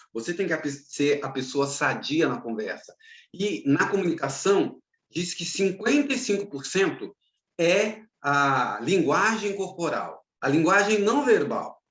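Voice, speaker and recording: Guy lecturing on pastoral counseling, kinda high voice, echoey room. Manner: earnest teaching tone, repeats key advice. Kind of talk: recorded lecture.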